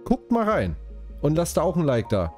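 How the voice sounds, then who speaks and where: Lively chatty German man from Saxony. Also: fairly high pitch, normal speed, faint music behind. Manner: chatty, jokey, talks straight to viewers. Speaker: gaming YouTuber. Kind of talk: casual let's-play commentary.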